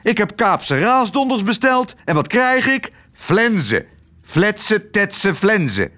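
A man voicing a grumpy, blustering old retired admiral who shouts in a storybook reading. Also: sits high, big pitch swings, slow pace, pitched above the performer's own voice, full character voice. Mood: furious. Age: older.

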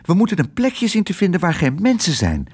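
A man voicing a caring, determined young girl in a storybook reading, with a high, urgent voice. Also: huge pitch swings, brisk, darkish tone, slightly rough, heavily acted.

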